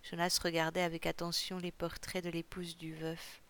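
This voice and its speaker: Audiobook narrator, gravelly, steady and even, reads fiction aloud. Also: mid-range voice. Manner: measured, even storytelling. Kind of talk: audiobook reading.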